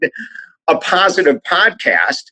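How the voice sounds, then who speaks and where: A man's voice: fairly high pitch, sing-song, measured pace, sharp tone, poor audio. A man, an author and speaker, telling stories as a podcast guest, enthusiastic and acting out the people he quotes. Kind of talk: animated storytelling interview.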